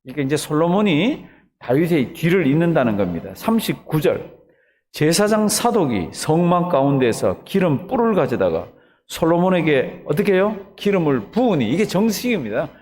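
A man's voice: fairly high pitch, sing-song, moderate pace, a little mellow. A man, a pastor, preaching an early morning sermon, retelling the story animatedly and asking the congregation questions.

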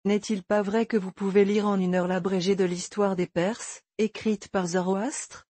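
A woman voicing a patient good genie, now a valet, who explains things calmly in an audiobook reading. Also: medium pitch, a little slow, husky, no room sound. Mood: explaining. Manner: calm, explanatory.

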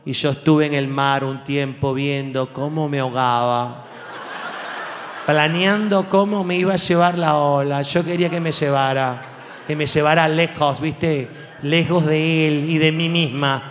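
A man voicing a melodramatic, heartbroken young Argentine woman, with a put-on Argentine accent and a slow, mournful delivery. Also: fairly high pitch, steady tone, lightly acted. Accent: Argentine Spanish (put on). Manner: slow, gloomy, theatrical lament. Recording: long hall reverb.

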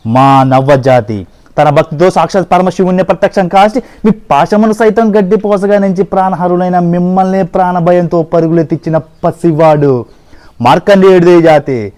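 A man playing a cheeky male human thief who makes a loud, theatrical speech. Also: high voice, normal speed, natural voice. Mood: defiant. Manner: loud, theatrical, pleading oratory.

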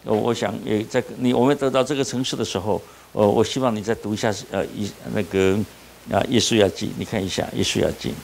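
A man's voice: lowish voice, steady tone, fast talker, gravelly, a little mellow, a little hiss or hum. A man preaching as a pastor, asking the audience questions and answering them himself, often tagging on "you know?". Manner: repeats "你知道吗" often. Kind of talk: sermon at a small-group leader training.

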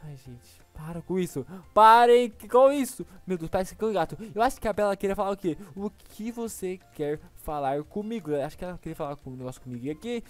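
A man with a Brazilian accent giving excited, exclaiming gameplay commentary as a gaming YouTuber. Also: high-pitched, fairly quick, hardly any pauses, soft background music. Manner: excitable, exclaiming, laughs often.

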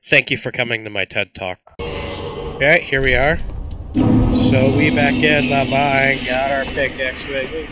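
A man's voice: medium pitch, fairly even intonation, unhurried. Sick, coughing man chatting over gameplay. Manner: rambling, self-deprecating. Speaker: gaming channel host. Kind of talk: casual gameplay commentary. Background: loud game music.

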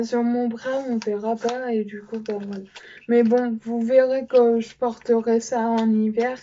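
A woman's voice: on the high side, dark tone, muffled recording, a little hiss or hum. A young French-speaking woman presenting makeup in a casual vlog, hesitant with many fillers. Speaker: beauty vlogger. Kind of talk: casual show-and-tell vlog.

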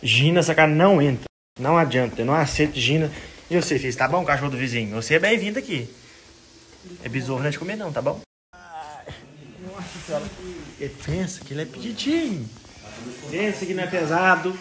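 A man chats in a casual, teasing vlog, his voice high and swinging widely in pitch. He jokes as he talks. Faint noise sits under the recording. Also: quick pace, long pauses. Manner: lively, teasing and laughing with animals. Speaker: vlogger.

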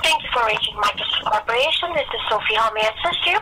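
Woman on a phone line doing scripted tech support patter, bright sharp voice, a bit high, says like and uh a lot, faint hiss. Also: expressive, racing. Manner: fillers like "like" and "uh", instructing step by step. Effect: heard over a phone line. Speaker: scam caller posing as tech support.

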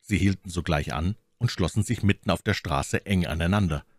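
A man's voice: sits low, fairly quick, no echo, clean studio sound. A man reading a classic novel aloud as audiobook narrator, telling the story expressively. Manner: expressive storytelling, acts out the dialogue.

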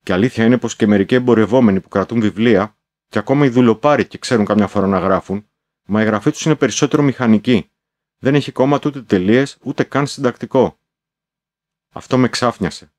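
A man's voice: medium pitch, darkish tone, no room sound, clean studio sound. A man reading a novel aloud as a first-person diary, in a confiding, musing manner with exclamatory asides. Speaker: audiobook narrator.

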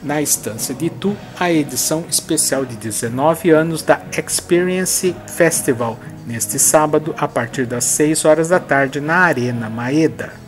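A man's voice: a little high, unhurried, few pauses, faint music behind. A man in his thirties hosting a regional events show, reading listings and birthday greetings in an upbeat, friendly way on a headset mic. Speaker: host. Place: indoors against a plain bright wall.

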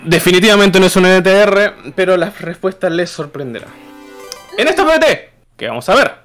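Young man, Argentine accent, crude jokes, fairly high pitch, faint music behind. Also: lively intonation, brisk, a bit bright. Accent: Argentine Spanish. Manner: crude, joking, heavy swearing. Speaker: panelist presenting a slideshow. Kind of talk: crude comedic stream chat.

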